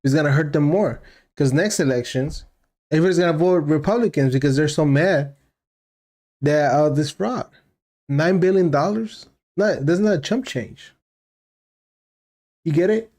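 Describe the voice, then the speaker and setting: A man hosts a live reaction stream, with a mellow, dark-toned voice. He rants bluntly and repeats his points in loose, casual talk. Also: fairly high pitch, moderate pace, long pauses. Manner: blunt, repetitive ranting. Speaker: livestream host reacting to news clips.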